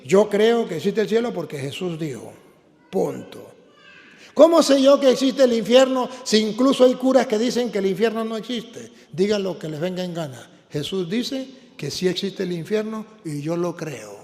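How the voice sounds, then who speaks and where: Priest, forceful repetitive preaching, high voice in a reverberant church. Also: male voice, expressive, normal speed. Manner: emphatic, repeats lines for the congregation. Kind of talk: sermon.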